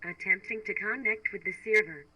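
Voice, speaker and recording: A woman voicing a robot girl's operating system as it boots up, reading out status lines in a flat, clipped machine manner. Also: mid-range voice, a little fast, low-quality recording. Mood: booting robotic. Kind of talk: video game voice acting.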